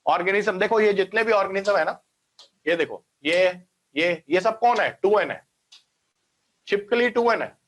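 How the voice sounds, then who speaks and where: A man's voice: sits high, moderate pace, pauses often, fairly bright tone. A man giving an online biology class, explaining step by step, mixing in English science terms and often checking that students follow. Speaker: biology teacher.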